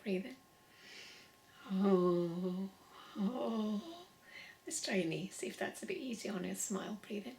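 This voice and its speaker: A woman's voice: mid-range voice, lively intonation, quick pace, vocal fry, few pauses, low-quality recording. A woman leading a laughter yoga session, playful, laughing often and chanting vowel sounds. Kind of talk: guided exercise session.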